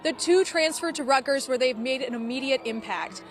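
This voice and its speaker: A woman sideline reporter reading a scripted feature segment in a smooth, polished delivery. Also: sits high, normal speed.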